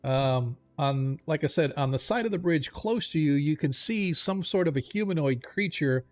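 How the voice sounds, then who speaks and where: A man running a tabletop fantasy game as game master, improvising descriptive narration in a halting way. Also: fairly high pitch, expressive, soft background music.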